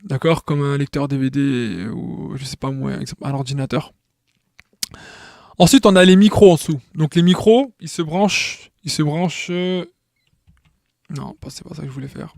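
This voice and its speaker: A man's voice: on the high side, moderate pace, gravelly, a little mellow, no echo, studio quality. A man giving an informal tutorial, explaining step by step with many restarts and checking in with the viewer. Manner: frequent restarts and repeated words. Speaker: tutorial maker.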